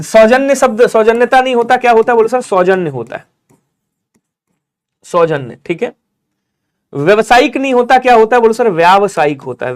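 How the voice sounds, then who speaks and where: A man teaching a live online exam-prep class, urging viewers to comment quickly and answering in his students' voice. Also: high voice. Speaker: Hindi teacher.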